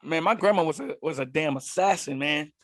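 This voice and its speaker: A man co-hosting a casual podcast chat, telling animated, profane stories and laughing often. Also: on the high side, fairly quick. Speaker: podcast co-host.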